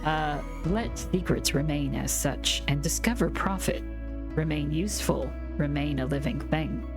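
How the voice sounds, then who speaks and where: A woman's voice: low voice, a little slow, music in the background. A woman voicing a cold, cryptic alien in a game, speaking in clipped, broken phrases without emotion. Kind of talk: reading game dialogue aloud.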